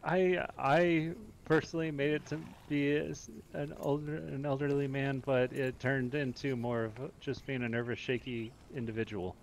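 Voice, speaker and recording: A man's voice: mid-range voice, level tone, moderate pace, hardly any pauses, slight background noise, low-quality recording. A man chatting in character during a role-play game, hesitant and stammering.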